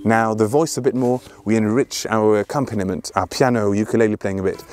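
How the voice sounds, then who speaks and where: Teaching ukulele in an open field, this man in his thirties keeps things casual, playful and conversational, singing examples over his own strumming and plucking. His voice is on the low side with fairly even intonation, and his pace is fairly quick.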